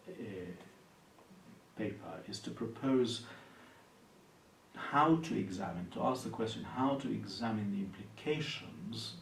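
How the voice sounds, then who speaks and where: A Palestinian man, a university lecturer and Anglican priest, gives interview answers in a low, gravelly voice. He is measured and thoughtful, often pausing on fillers. The recording is distant in an echoey room, with faint hiss beneath.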